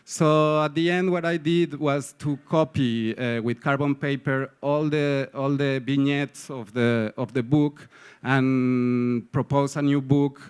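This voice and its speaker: Slow, halting man. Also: medium pitch, fairly even intonation, smooth. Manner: halting, many fillers and restarts, tag "no?". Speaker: artist panelist. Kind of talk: panel talk presenting a project.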